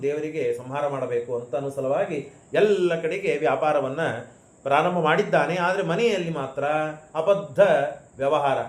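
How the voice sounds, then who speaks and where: A man giving a scriptural sermon, telling the story and chanting verses slowly, with rhetorical questions. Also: fairly high pitch, roomy sound. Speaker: pravachan speaker. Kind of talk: scriptural discourse with recited verses.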